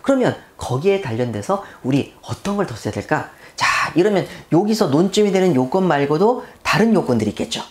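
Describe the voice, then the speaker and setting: A middle-aged woman gives an exam-prep law lecture in a low voice that swings widely in pitch. She keeps asking her students questions and answering them herself, repeating key points for emphasis. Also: lively intonation, brisk, hardly any pauses, a little mellow.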